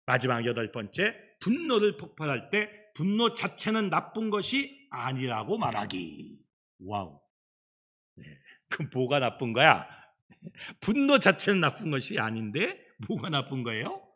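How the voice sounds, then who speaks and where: A middle-aged man preaching a children's Sunday sermon as pastor, in an animated storytelling manner. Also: medium pitch, a little slow. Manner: animated storytelling, acts out quoted voices. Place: church sanctuary.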